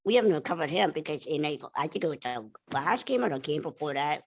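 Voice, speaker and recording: Low-pitched animated woman chatting sports. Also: fast. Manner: animated, excitable, frequent backchannel. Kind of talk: casual sports chat.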